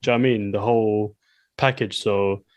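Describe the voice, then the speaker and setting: A man's voice: on the low side, fairly even intonation, brisk, no room sound, highs cut off. A man, a co-host chatting casually and often asking "do you know what I mean". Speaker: podcast co-host. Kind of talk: casual interview chat.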